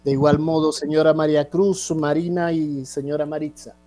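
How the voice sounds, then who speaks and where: A priest hosting a religious program answers listener questions in a measured, teaching manner, often using "eh" and tag questions. His voice is fairly high-pitched and mellow, with fairly even intonation.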